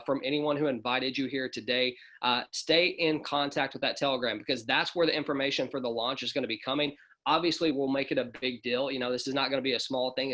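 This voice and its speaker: A man hosting an online promotional call, energetic and hyping up the audience. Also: mid-range voice. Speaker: host of an online overview call.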